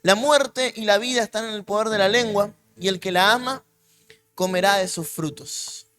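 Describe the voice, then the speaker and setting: A man's voice: high-pitched, normal speed, a bit bright. A man preaching as a pastor with a Rioplatense Spanish accent, emphatic and repetitive in his sermon.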